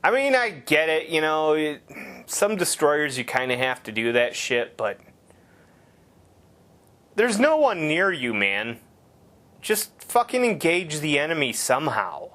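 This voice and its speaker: A man's voice: on the high side, very animated, unhurried, long pauses, a bit bright. A man giving casual gameplay commentary, rambling and sarcastic with heavy swearing.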